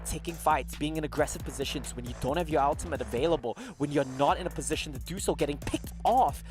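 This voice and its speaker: A man's voice: a little high, fast, soft background music. A man commentating on an esports desk with bantering analysis, playful and sardonic, saying his "th" sounds as "t". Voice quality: speech quirk, "th" sounds said as "t".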